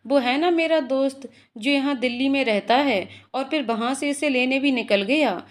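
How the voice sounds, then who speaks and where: A woman's voice: high-pitched, moderate pace, close to an everyday voice. A woman voicing a playful, teasing young man. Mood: sheepish. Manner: teasing, childlike sulking. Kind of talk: storytelling dialogue.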